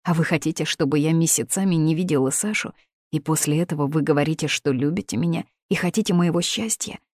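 A woman's voice: deep voice, quick pace, a little mellow, no room sound, clean studio sound. A woman voicing a desperate young woman in love, pleading in urgent outbursts. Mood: frantic.

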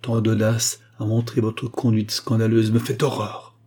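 A man's voice: lowish voice, monotone, measured pace, a little mellow. A man voicing a stern, offended queen in an audiobook, speaking in a reproachful, commanding way.

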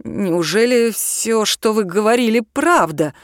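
A woman's voice: on the high side, expressive, a little slow, no room sound, studio quality. A woman voicing a tense, grumbling young man.

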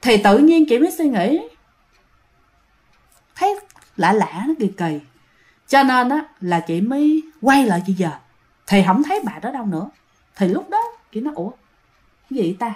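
A woman's voice: fairly high pitch, very animated, moderate pace, long pauses, a little mellow. A woman telling ghost stories in a chatty way, often addressing listeners. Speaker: ghost story narrator. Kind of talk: storytelling to listeners.

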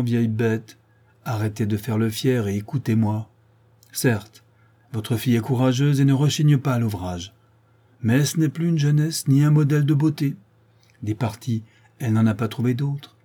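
A man's voice: medium pitch, normal speed, warm tone, breathy edge, close to an everyday voice. A man voicing a blunt, shrewd male village priest in a read-aloud story, scolding and lecturing.

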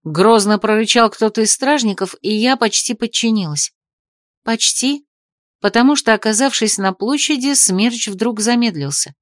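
A woman narrating a romantic fantasy audiobook in the first person, with a wry, expressive reading. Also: fairly high pitch, normal speed, dry recording, studio quality.

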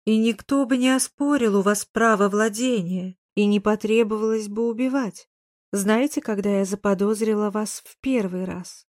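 A woman reading a first-person audiobook, firm, measured and precise in her delivery. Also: medium pitch, a little mellow, no room sound, clean studio sound. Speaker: audiobook narrator.

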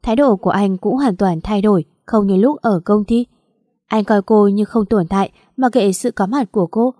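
A woman narrating a romance story as a scripted audiobook reading, in an even, unhurried manner. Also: medium pitch, no room sound, studio quality.

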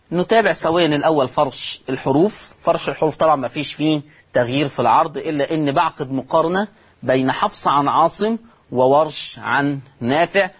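A middle-aged man with an Egyptian Arabic accent, teaching Quran recitation in a televised religious lesson and drawing out words slowly to demonstrate how they are pronounced. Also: fairly high pitch, husky.

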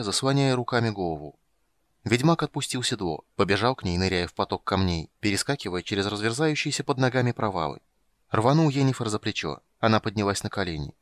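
Low-voiced man narrating an audiobook. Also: a bit bright, dry recording.

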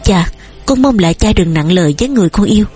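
A woman with a breathy voice reading the lines of a hurt young farm son protesting to his father. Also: medium pitch, lively intonation, quick pace, warm tone, soft background music. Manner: choked, protesting.

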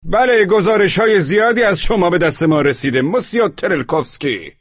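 A man reading an audiobook, voicing a brusque, suspicious police chief who shouts and hectors. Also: high-pitched, breathy edge, no room sound, voice pushed up. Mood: scolding. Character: loud, brusque middle-aged male police chief. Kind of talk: audiobook character voice. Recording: muffled lo-fi audio.

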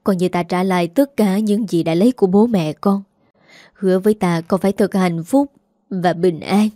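Stern older matriarch, voiced by a woman, commanding; low warm tone, audiobook drama. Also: moderate pace, dry recording, clean studio sound, close to an everyday voice. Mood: weak, remorseful. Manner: severe, commanding.

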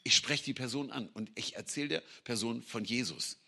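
A middle-aged man preaching an energetic sermon, acting out quotes and sometimes shouting. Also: mid-range voice, brisk. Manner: animated, acts out quotes and voices, sometimes shouts.

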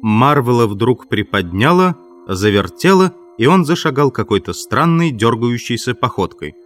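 A man narrating a novel as an audiobook in a measured, expressive storytelling manner. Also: mid-range voice, soft background music. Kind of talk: scripted literary narration.

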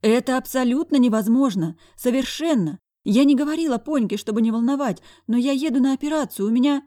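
A woman's voice: a little fast, warm tone, natural voice. A woman putting on a panicked, pleading woman. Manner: pleading, high and agitated. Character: panicked, tearful middle-aged woman.

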